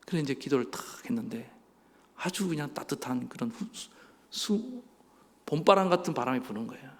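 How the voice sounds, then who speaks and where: A man's voice: medium pitch, lively intonation, brisk. A middle-aged man, a pastor, preaching a sermon and putting rhetorical questions to his congregation in a church sanctuary. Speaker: senior pastor. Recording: long reverb of a church hall.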